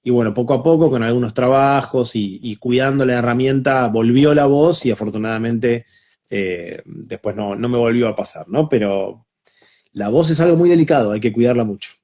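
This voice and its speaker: A man's voice: mid-range voice, moderate pace, dark tone. A man being interviewed as a guest voice actor, talking in a reflective, casual way with frequent small restarts.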